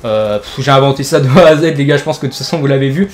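Fast, rambling young man telling a joke story. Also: mid-range voice. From France. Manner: rambling, jokey slang with many fillers. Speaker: gaming YouTuber. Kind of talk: joking story over gameplay commentary.

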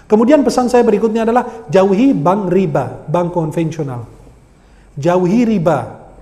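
A man preaching an Islamic sermon, telling lively stories and acting out the people in them. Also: high-pitched, moderate pace. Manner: lively storytelling, acts out quoted voices, laughs. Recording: long hall reverb.

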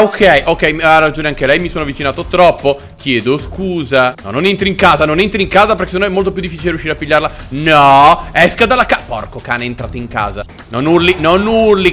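A man narrating his own gameplay on the fly, his somewhat high voice leaping up and down as he flips between jittery yelps and exaggerated politeness toward the monsters. Faint game music sits low behind him. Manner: excitable, yelps and panics, mock-polite to enemies. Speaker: let's play gamer. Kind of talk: live gameplay commentary.

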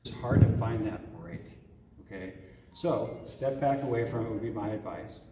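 A man's voice: mid-range voice, normal speed, background noise. A man who directs youth ministry gives earnest advice to parents, often checking in with "okay?" and "right?". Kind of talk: talk to parents. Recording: echoey hall from far off.

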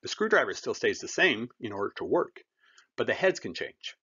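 A man's voice: medium pitch, sing-song, moderate pace, pushed and bright, slightly rough. A man teaching a German lesson, patient and conversational, explaining with everyday comparisons. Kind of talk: classroom language lesson. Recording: dull lo-fi recording.

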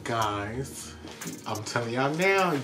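Male drag queen, American accent, sassy and effusive, unhurried pace, medium pitch, music playing behind. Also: lively intonation. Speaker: drag queen reaction video host. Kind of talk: casual music video reaction.

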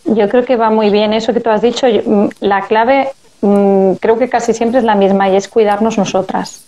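A woman's voice: medium pitch, steady tone, moderate pace, dark tone, highs cut off. A woman speaking as a parenting guest in a casual live chat, telling anecdotes and acting out family dialogue.

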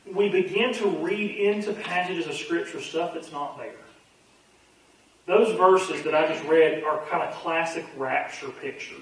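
A man teaching a Bible class as pastor, talking quickly and casually and often doubling back on his words. His voice sits a little high and sounds distant from the microphone. A strong echo fills the big room around him. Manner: fast-talking, conversational, repeats his starts. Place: church sanctuary. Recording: very echoey room, voice from far off.

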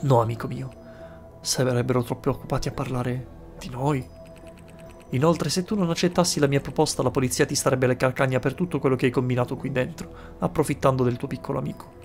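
A man reading a hushed, scheming male villain. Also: medium pitch, fairly even intonation, quick pace, faint music behind, close to an everyday voice. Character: scheming manipulative male villain, smooth-talking. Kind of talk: reading game dialogue aloud.

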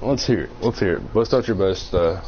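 Casting: male game streamer, low voice, teasing and bossy, muffled lo-fi mic with faint hiss. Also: animated, fairly quick. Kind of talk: casual gaming chat.

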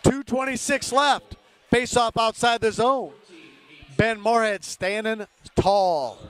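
Sitting in the stands at an indoor rink, this man narrates the hockey game in clipped phrases that name the players, rooting openly for the home team. His very high-pitched voice is clean and fairly bright, and he takes his time.

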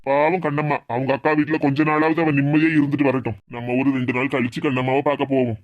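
A man's voice: medium pitch, flat delivery, fast, phone-quality sound, close to an everyday voice. A man voicing a young married husband in a cartoon who heatedly defends his wife, speaking with a Kanyakumari accent. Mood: bitter. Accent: Kanyakumari Tamil. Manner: heated, protective.

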